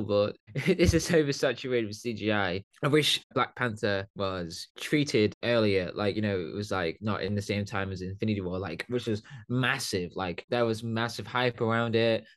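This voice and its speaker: A man's voice: lowish voice, moderate pace, hardly any pauses. A man, co-hosting a casual film podcast, who sounds echoey and distant on his remote line and talks in a loose, rambling way full of "like" and "you know". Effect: echoey, distant sound from his remote setup. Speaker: podcast co-host.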